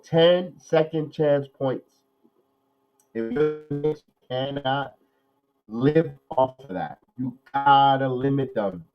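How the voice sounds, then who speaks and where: A podcast host with a medium-pitched voice, nasal from a cold, runs a live watch-along, excitedly calling plays before moving into analysis full of repetition. The highs in the audio are cut off.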